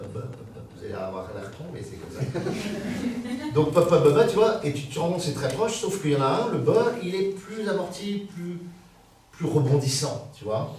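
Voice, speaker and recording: A man giving a public talk, explaining with animated energy and sounding out consonants and vowels to show what he means. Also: mid-range voice. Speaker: guest author. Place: public hall. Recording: very echoey hall from far off.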